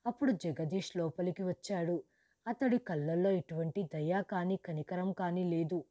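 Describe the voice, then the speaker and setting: A woman narrating a storybook in the first person as a grieving, widowed mother who lost her wealth, in a steady, measured reading. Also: on the low side, no room sound, natural voice.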